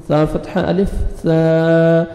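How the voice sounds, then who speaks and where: A man teaching Quran reading. He spells out letters and vowel marks one by one, then recites each word slowly in a drawn-out chant. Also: fairly high pitch, level tone, warm tone. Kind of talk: slow spelled-out recitation lesson. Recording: echoey room with long reverb.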